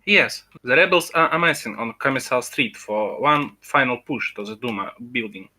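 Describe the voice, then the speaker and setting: A man voicing a brisk military colonel pony for an audio fanfic. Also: mid-range voice, bright, forceful tone. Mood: commanding.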